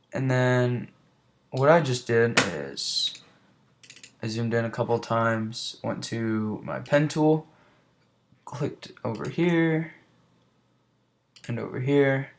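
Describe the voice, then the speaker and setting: Pausing often and taking things slowly, a young man at medium pitch walks through a casual screen-recorded design tutorial. He rambles and mutters to himself while working.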